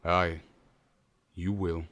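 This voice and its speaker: In a colonial-era audio drama, an actor plays a steady, wry, protective husband who speaks in measured, old-fashioned phrasing. The male voice is deep, the mood grave and subdued, with background noise present.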